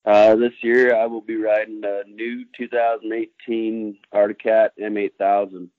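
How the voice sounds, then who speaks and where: A young man, a snowmobile rider, speaks earnestly as a podcast guest in a low, flat voice. His audio comes over a thin, phone-like line that sounds dry and close. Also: a little slow, no echo. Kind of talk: casual podcast interview.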